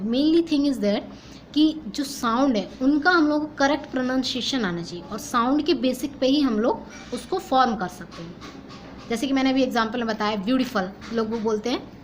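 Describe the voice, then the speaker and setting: A woman's voice: fairly high pitch, a little hiss or hum, low-quality recording. A young woman with an Indian English accent, teaching phonetics step by step, asking and answering her own questions and mixing Hindi and English. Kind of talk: phonetics lesson.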